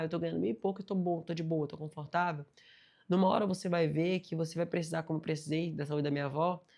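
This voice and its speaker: A woman, a guest on a talk show, telling a parable in a lively, animated way and acting out the characters in her quotes. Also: low-pitched, gravelly. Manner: animated storyteller, acts out voices in quotes. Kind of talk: casual interview chat.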